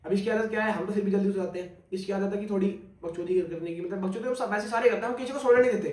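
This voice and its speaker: A young man telling a frightening personal story in a casual podcast chat, animated and full of crude slang. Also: high-pitched, racing, echoey room, distant mic.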